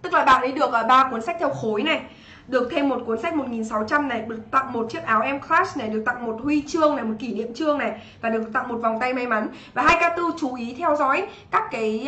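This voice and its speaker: A young Vietnamese woman teaches an English exam review on a livestream. Her voice is high and bright, and she keeps checking in with her students. The room around her is echoey. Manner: energetic, keeps asking students "right?".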